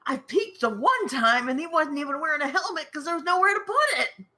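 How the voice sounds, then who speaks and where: A woman playing a tabletop game, chatting in lively, joking banter. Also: high-pitched, brisk. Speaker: player. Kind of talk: casual role-play banter.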